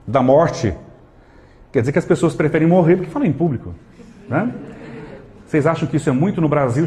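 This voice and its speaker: A man with a Brazilian Portuguese accent giving a live motivational talk to an audience, animated and full of rhetorical questions, acting out little scenes. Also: medium pitch. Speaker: motivational speaker.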